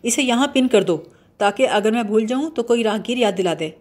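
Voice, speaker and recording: A woman's voice: a little high, darkish tone, close to an everyday voice. Woman reading a blustering pompous young man. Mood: mock-serious. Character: bumbling eccentric young man, mock-serious.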